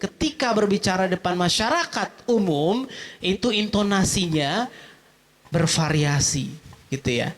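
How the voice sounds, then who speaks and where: Lively high-voiced man teaching a workshop. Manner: asks the audience questions and answers them himself; animated, with frequent "gitu ya" tags. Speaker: public speaking trainer. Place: mosque event hall.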